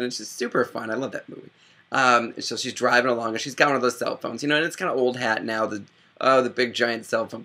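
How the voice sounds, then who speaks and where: A young man from the Chicago area, riffing sarcastically and rambling through a casual comedic vlog, with quick impressions. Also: mid-range voice, sharp tone. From Chicago area, Illinois. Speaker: video host.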